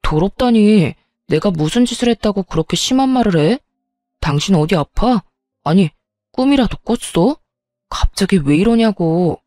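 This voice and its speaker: A woman's voice: mid-range voice, lively intonation, normal speed, mellow, no echo, natural voice. Pleading cheating husband, read by a woman. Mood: defensive. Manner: begging, making excuses.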